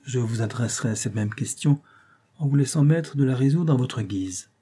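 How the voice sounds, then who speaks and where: Man voicing scheming male mastermind, commanding, cool, dark, husky. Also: mid-range voice, animated, normal speed. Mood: cold. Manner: commanding, coolly instructive.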